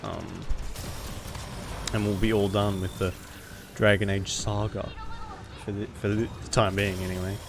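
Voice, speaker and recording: A man doing casual live-stream game commentary in a halting, rambling way, swearing offhand. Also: fairly low pitch, flat delivery. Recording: clearly noisy home stream recording. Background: background noise, cat scratching at door.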